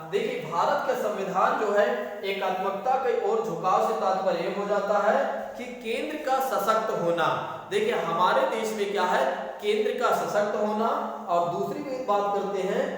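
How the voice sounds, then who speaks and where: A man with a high voice gives an exam-prep lecture. He keeps turning his points into rhetorical questions and then answers them. He is heard from a distance in a very echoey room with a long reverb tail. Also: fairly bright tone. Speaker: teacher.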